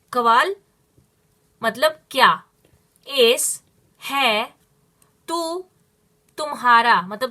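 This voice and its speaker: Female language teacher, bright and slightly high, explains patiently and stretches out example phrases. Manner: explains step by step with slow, drawn-out Spanish examples. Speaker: Spanish teacher. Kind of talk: spoken language lesson.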